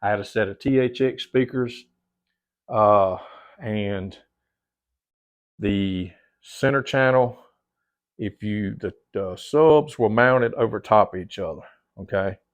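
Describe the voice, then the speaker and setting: A middle-aged man with a slightly stuffy nose chats casually to the camera from his home theater room, rambling, repeating words, and calling his viewers "guys." His voice is fairly low and smooth, with a slow pace and long pauses. The recording has a dull, lo-fi quality.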